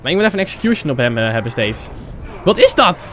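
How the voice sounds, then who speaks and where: Excitable young Dutch gamer, high lively voice. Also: male voice, quick pace. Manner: excitable, swears, shouts at the game. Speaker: gaming YouTuber. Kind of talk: casual let's-play commentary. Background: game music.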